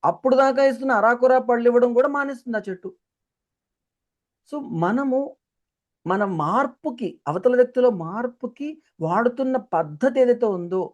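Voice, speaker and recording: A speaker giving an unhurried, reflective teaching talk on life skills, explaining through everyday examples. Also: mid-range voice, darkish tone, highs cut off.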